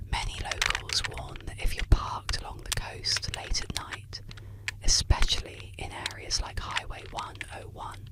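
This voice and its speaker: A soft, breathy whispered ASMR narration of eerie folk legends, delivered slowly and soothingly to help listeners sleep. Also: poor audio.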